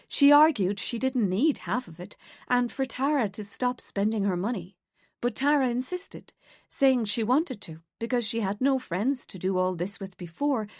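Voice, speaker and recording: Woman reading a thriller audiobook, steady and measured, dry close sound. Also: mid-range voice, dry recording. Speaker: audiobook narrator. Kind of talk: scripted narration.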